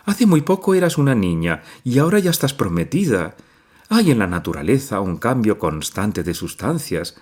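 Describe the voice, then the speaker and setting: A man reading a storybook aloud and voicing a frightened middle-aged mother who speaks in a hurried, anxious way. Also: lowish voice, very animated, darkish tone, voice pushed up. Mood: resigned. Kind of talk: audiobook reading.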